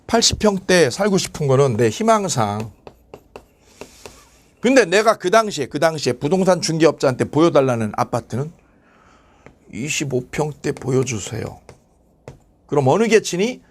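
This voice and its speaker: A man teaching an exam-prep law class, asking quick questions and answering them himself. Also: a little high. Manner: animated, asks and answers his own questions. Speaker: lecturer.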